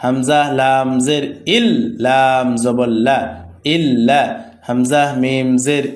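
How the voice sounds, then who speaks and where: A man with a Bangladeshi Bengali accent teaching Quran reading, spelling out Arabic letters with their vowel marks in slow, repetitive drills. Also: mid-range voice, flat delivery. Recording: echoey room.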